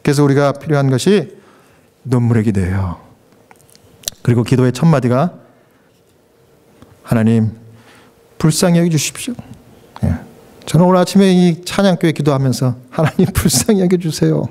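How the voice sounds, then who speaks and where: A man's voice: expressive, moderate pace, long pauses, dark tone. A male pastor preaching a sermon, talking to the congregation in a conversational, emotional way and often putting questions to them. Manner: emotional preaching with sudden pitch leaps and acted quotes.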